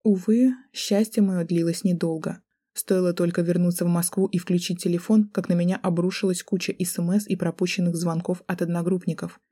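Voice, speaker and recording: A woman's voice: on the low side, flat delivery, a little fast, dark tone, breathy edge. A woman narrating a first-person novel as an audiobook, reading in a tense, dramatic way.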